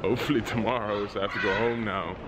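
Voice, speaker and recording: A man's voice: fairly low pitch, steady tone, fast talker, heavy background noise. A young man vlogging casually at an airport, talking in a laid-back, rambling, slangy way. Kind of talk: casual vlog talk to camera.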